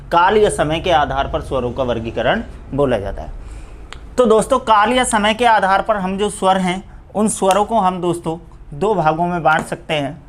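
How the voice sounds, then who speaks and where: A man with a Rajasthani Hindi accent teaching a live online grammar class. He asks questions and answers them himself, calls his listeners friends again and again, and slowly dictates definitions word by word. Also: high-pitched. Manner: repeats "दोस्तों" often; slow, drawn-out dictation of definitions.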